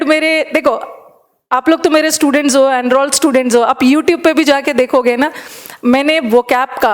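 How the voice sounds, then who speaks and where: A high-pitched woman with an Indian accent talks to her students in a live online class. She is chatty and switches freely between Hindi and English as she reads out student comments. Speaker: English teacher.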